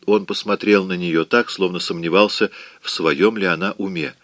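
A male audiobook narrator reading a novel in a measured, even storytelling manner. His voice sits low, recorded dry and close with no room around it. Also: no room sound. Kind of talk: scripted narration.

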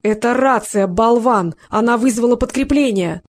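A narrator voicing a cowardly male gang crook who sneers and shrieks in a raised, quick voice. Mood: shrieking. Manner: shrill, sneering, shrieks when cornered.

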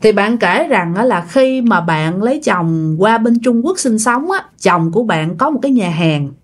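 Woman, Southern Vietnamese accent, mid pitch, casual ghost-story narrator who chats with her audience. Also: animated, husky. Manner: chatty, talks straight to listeners with drawn-out particles.

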